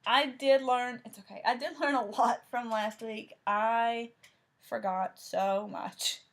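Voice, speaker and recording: A woman from Tennessee hosts a crafting vlog, speaking slowly in a voice on the high side with fairly even intonation. In a thick Southern accent she chats casually about cross-stitch, rambling a bit with frequent fillers and self-corrections.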